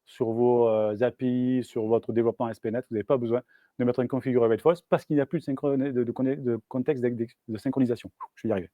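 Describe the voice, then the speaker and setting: Male engineer presenting at a meetup, halting delivery, dry sound. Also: medium pitch, fairly even intonation, no room sound, narrow, tinny audio. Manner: casual, hesitant, many fillers and restarts. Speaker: software engineer giving a meetup talk. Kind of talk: live technical presentation. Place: meetup room.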